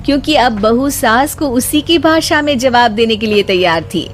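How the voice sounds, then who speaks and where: A woman's voice: on the high side, lively intonation, normal speed. A woman narrating a scripted moral story as a storyteller. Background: background music.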